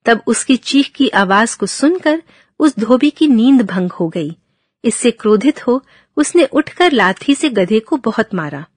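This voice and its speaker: A woman teacher reads a textbook lesson aloud, spacing her words slowly and carefully. Her voice is rather high and moves a lot in pitch. The sound is dry and close. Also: expressive, slightly rough, dry recording. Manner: slow, careful word-by-word enunciation.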